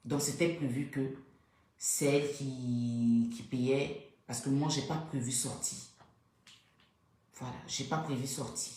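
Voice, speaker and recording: A woman casually telling a story about a night out, acting out what others said and keeping her voice soft. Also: slow pace, long pauses. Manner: animated, acts out what others said, pitch jumps up when excited; keeps voice soft, says she cannot speak loudly. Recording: very echoey room.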